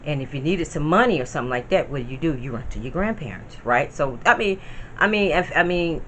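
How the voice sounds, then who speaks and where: A grandmother in her fifties vlogs casually from home, chatting and rambling directly to her viewers. Her voice is low, expressive and fast, with slight background noise.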